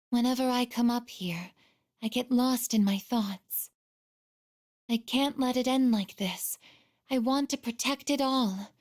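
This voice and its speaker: In a fairly high voice, a woman plays a video game android girl who is gentle and earnest. Her delivery is polite and formal, carrying a soft, introspective quality.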